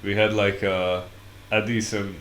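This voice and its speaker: A man from Scotland co-hosting a fighting game stream, talking in a laid-back way with halting restarts, his voice temporarily deeper than usual. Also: little pitch movement, a bit bright, echoey room, a little hiss or hum. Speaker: co-host and tournament winner. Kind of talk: casual commentary chat.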